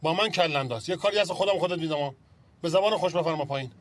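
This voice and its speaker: A man's voice: a little high, lightly acted. A man playing a bossy, hot-tempered father. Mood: angry. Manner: irritable, lecturing, insistent. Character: pushy middle-aged father, quick-tempered. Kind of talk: film drama acting.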